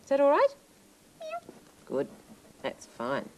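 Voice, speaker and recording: A woman presenting a children's TV show, talking slowly in a playful sing-song way to young children. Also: sits high, huge pitch swings, a little hiss or hum, rough recording. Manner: slow, lilting, playful sing-song delivery.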